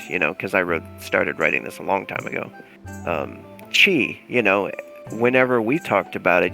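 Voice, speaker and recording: A man's voice: fairly low pitch, vocal fry, pushed and bright. A man narrating as game master of a tabletop role-playing game, telling it in a loose, rambling way with many fillers.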